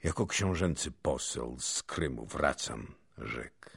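A man voicing a steely proud envoy, deep firm voice, dry close sound. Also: animated, takes it slowly, gravelly, husky, no echo, exaggerated voice. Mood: commanding. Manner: firm, commanding. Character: steely young male envoy, fearless and proud. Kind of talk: audiobook character voice.

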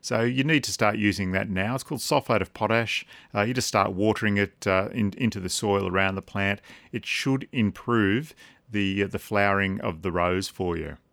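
A man's voice: fairly low pitch, moderate pace, vocal fry, fairly bright tone, no echo. An Australian man chatting casually and informally as a gardening expert on a radio call-in. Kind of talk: casual advice chat.

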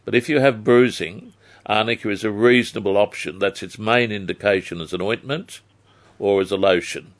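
An Australian man giving health advice on a live phone-in, measured and formally worded. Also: lowish voice. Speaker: health advice expert on radio.

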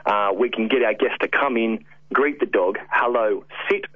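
A man, a dog trainer, giving practical advice in a steady way over a phone-in interview. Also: fairly low pitch, normal speed, no room sound. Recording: tinny phone line.

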